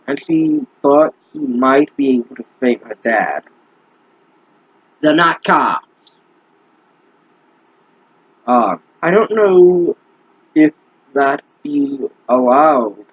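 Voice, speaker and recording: Reading a bad fanfic aloud, a young fanfic commentator mocks it with exasperated, sarcastic remarks and frequent swearing. His mid-range, husky voice has lively intonation but moves very slowly, with many pauses. The dry recording comes from a dull, lo-fi mic.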